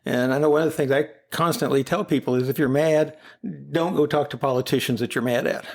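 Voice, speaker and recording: A man in his seventies speaking as a podcast guest, giving calm advice in a panel discussion. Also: medium pitch, fast. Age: 70s.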